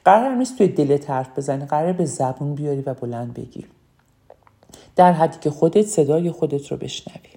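A speaking coach gives an earnest instructional talk on public speaking, often repeating key phrases for emphasis. Her voice is low and mellow with lively intonation.

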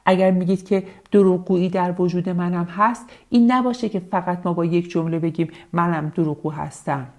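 A woman with a notably low voice reads a self-help passage in a calm, measured way. She then turns to her listeners to explain it, repeating key phrases to drive the point home. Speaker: speaker addressing listeners.

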